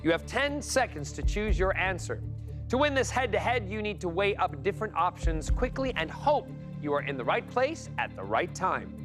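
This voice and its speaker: Music and a studio audience surround a man running a TV quiz show before a live crowd. His voice is high and sing-song at a normal speed, and he keeps things lively, upbeat and playful with the contestants.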